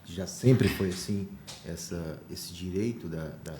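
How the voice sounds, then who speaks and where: A man's voice: deep voice, slow pace, background noise. A man from Brazil hosting a podcast interview, chatting casually and sharing personal stories.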